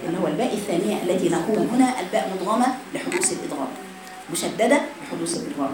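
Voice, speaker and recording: A woman with an Egyptian accent teaching Quran recitation to a class of students, quizzing them with rhetorical questions and modelling slow recitations. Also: lowish voice, animated, noisy background. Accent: Egyptian Arabic. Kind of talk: classroom lesson. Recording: very echoey room from far off. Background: students present.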